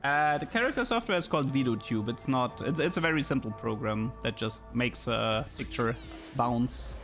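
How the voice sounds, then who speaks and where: A man's voice: mid-range voice, animated, normal speed, a bit bright. A man from Germany speaking English with a German accent, casually chatting and thinking aloud as he streams a game, often repeating words. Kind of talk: casual live gameplay commentary and chat. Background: music.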